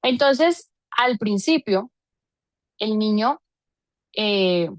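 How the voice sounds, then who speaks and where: A woman's voice: medium pitch, expressive, drawn-out words, no room sound. A woman teaching a parenting seminar, explaining with everyday examples and affectionate diminutives.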